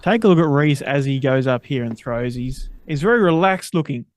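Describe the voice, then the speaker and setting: A man giving casual live darts commentary, describing play in a relaxed, conversational way. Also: medium pitch, fairly quick, no room sound.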